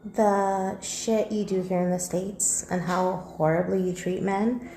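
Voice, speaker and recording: A woman's voice: mid-range voice, fairly even intonation, a little slow, warm tone, reverberant, soft background music. A woman giving a blunt, dismissive opinion in a casual video.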